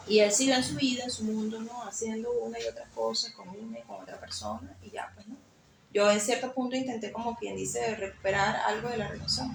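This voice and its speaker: Woman, emotional faith testimony, creaky tone, roomy sound. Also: mid-range voice, a little hiss or hum. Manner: emotional, storytelling with frequent fillers. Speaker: guest sharing testimony. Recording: echoey room with faint ambience.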